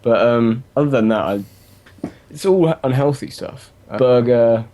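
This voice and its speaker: A man's voice: medium pitch, normal speed, mellow. A man co-hosting a casual podcast, easygoing and hesitant with many um's. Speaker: podcast co-host.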